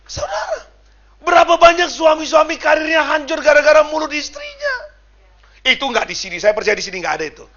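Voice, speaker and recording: A male preacher from Sumatra, animated, shouting for emphasis and acting out what people say. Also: very high voice, fast, lo-fi sound. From Sumatra, Indonesia. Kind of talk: sermon.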